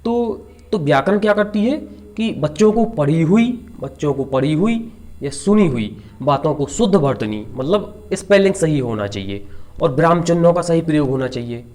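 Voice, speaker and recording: Young male teacher, patient and repetitive, exam-prep lecture, slightly high voice. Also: animated, normal speed, darkish tone. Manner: explains patiently, repeating each point.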